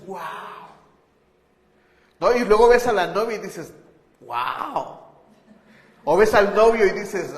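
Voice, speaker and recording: High-voiced preacher in an echoey hall. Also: male voice. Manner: conversational preaching with rhetorical questions to listeners. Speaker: pastor. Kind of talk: sermon. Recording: echoey hall with long reverb.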